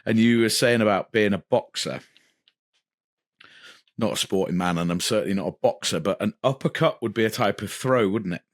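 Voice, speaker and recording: A man's voice: fairly low pitch, normal speed, dry recording. A man co-hosting a podcast, teasing his partner in jokey, casual banter. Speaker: podcast co-host. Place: indoor podcast studio, filmed.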